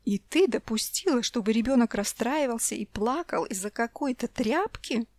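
A woman's voice: on the high side, lively intonation, normal speed, a little mellow, dry recording, clean studio sound, natural voice. A woman voicing a doting but hot-tempered father in a storybook reading. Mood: reproachful. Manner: stern, raised voice.

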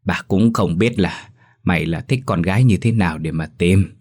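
A man voicing a gentle elderly grandmother, a grieving widow, who speaks softly and tenderly in an audio story. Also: low-pitched, moderate pace.

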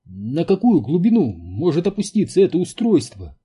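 A man voicing an excitable young male scientist who speaks eagerly in a raised, squeaky voice. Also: moderate pace, breathy edge, exaggerated voice. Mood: excited.

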